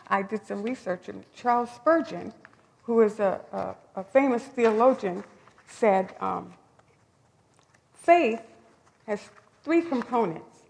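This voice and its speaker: A woman's voice: mid-range voice, vocal fry. A woman preaching a sermon in a conversational, storytelling way, with emphatic rises. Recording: long hall reverb.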